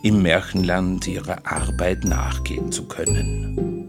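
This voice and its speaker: A man narrating a scripted children's audio play in a dramatic, expressive storytelling manner. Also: sits low, measured pace, gravelly. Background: music.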